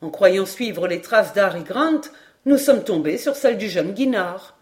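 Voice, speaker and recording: A woman voicing an excitable learned geographer who explains things emphatically in an audiobook reading. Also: medium pitch, measured pace, natural voice. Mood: excited. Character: excitable, learned French geographer, middle-aged man.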